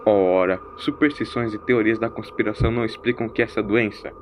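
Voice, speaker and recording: A man's voice: fairly low pitch, fairly even intonation, fast talker, a little hiss or hum, close to an everyday voice. Man playing the Doctor, a grumpy old grandfather. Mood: irritated, dismissive. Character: grumpy, dismissive old grandfather, learned alien traveller.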